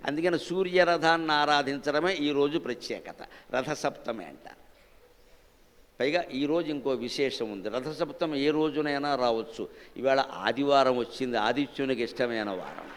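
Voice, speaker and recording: A man's voice: medium pitch, moderate pace, long reverb tail. A man giving a religious discourse, emphatic and scornful, firing off rhetorical questions at his audience. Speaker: spiritual discourse speaker. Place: temple hall in front of a live audience.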